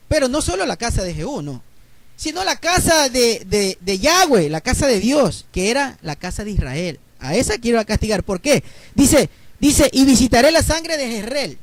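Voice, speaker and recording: A man preaching a Bible teaching sermon, explaining word roots slowly and checking in with his listeners. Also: extremely high pitch, big pitch swings, no room sound. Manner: explains slowly, spells letters out, asks listeners ¿verdad?.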